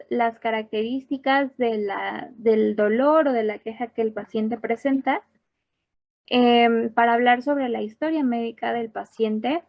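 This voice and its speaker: A woman teacher giving a recorded class and repeating each term slowly so students can copy the pronunciation. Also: a little high, dull audio. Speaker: English teacher for health workers. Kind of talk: recorded online class explaining slides.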